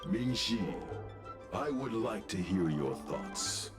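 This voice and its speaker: An actor playing a proud, stubborn merchant guild president who speaks in a measured, formal way. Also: male voice, fairly low pitch, sing-song. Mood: stern. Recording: game audio over loud music.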